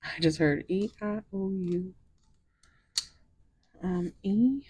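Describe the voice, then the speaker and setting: A woman's voice: mid-range voice, mellow, slight background noise. A woman giving a casual tarot reading, musing aloud and slipping into whispers as she lays out cards. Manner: slow, musing, drifts into whispers while pulling cards. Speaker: tarot reader.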